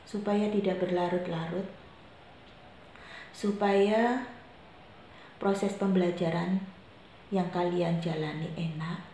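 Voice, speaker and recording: A woman's voice: mid-range voice, warm tone. Firm teacher woman in echoey room. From Indonesia. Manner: firm, admonishing, repeats reminders. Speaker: homeroom teacher. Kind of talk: classroom briefing to students. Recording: very echoey room with faint noise.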